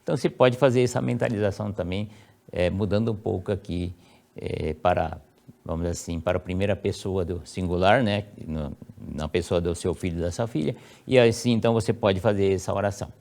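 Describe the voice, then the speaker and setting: A middle-aged man with a Brazilian Portuguese accent giving a sermon for an online meeting. He recites prayers slowly and emphatically and fills his speech with many pauses. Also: deep voice, creaky, a little mellow. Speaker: lecturer of a religious movement. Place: home, recorded for an online meeting.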